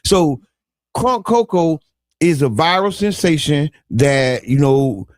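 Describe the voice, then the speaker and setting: A man hosts morning radio in a playful, animated way. His fairly high voice swings widely in pitch as he jokes and repeats phrases for emphasis. The sound is close and dry. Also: takes it slowly, no echo. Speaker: radio show co-host. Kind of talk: playful morning show banter.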